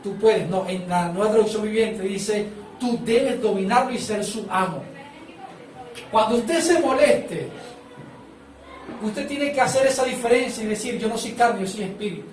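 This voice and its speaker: A man's voice: sits high, normal speed, roomy sound, far from the mic, slight background noise, low-quality recording. A man preaching a sermon as pastor, prompting the congregation to repeat phrases back to him.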